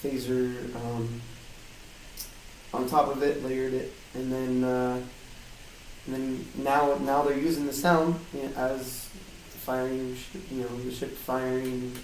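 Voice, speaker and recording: A game audio designer, interviewed in a small hard-walled office in a co-working space, explains his work in a halting, hesitant, loosely worded way. His medium-pitched voice is flat and darkish, picked up by a distant mic with faint noise and a roomy, metallic flutter echo.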